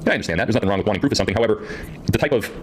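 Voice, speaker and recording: A man streaming live to his viewers through a voice changer that shifts his voice deep, talking casually and rambling, often repeating himself. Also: animated, very fast, slight background noise. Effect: deep pitch-shifting voice changer.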